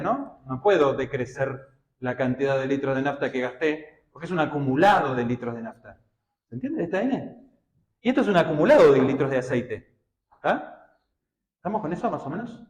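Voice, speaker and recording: A man's voice: high voice, darkish tone, roomy sound, poor audio. A man with an Argentine Spanish accent teaching a math class, constantly asking his students questions and checking that they follow. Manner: questioning, checks understanding often, colloquial.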